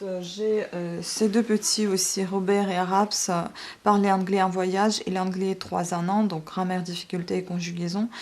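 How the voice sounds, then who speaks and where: A woman with a somewhat low-pitched voice talks through her materials in a casual vlog. She speaks haltingly, often pausing on fillers and restarting her sentences, with a faint hiss underneath. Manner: hesitant, frequent fillers and restarts. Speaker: vlogger. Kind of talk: casual show-and-tell vlog.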